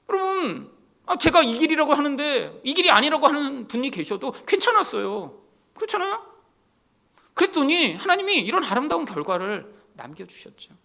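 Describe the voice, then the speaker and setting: Lively, gravelly Korean pastor preaching. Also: male voice, high-pitched. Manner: candid, confessional storytelling with rhetorical questions to the congregation; swings between loud emphasis and near-whispered asides. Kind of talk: sermon.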